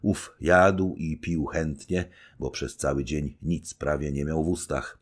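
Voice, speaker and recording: A man narrating a classic novel as an amateur audiobook reader, with expressive intonation. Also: rumbling low, slow.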